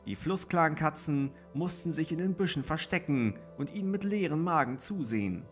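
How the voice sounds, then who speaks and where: A man voicing a calm she-cat warrior. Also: a little high, moderate pace, soft background music, voice pushed up, lightly acted. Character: she-cat warrior, calmly confirming news.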